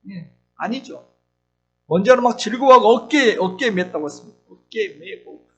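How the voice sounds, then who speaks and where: A middle-aged man preaching an earnest sermon as pastor, swinging between loud urgent lines and soft low asides. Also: lively intonation, moderate pace, rough recording. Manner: acts out tender and scolding voices when quoting.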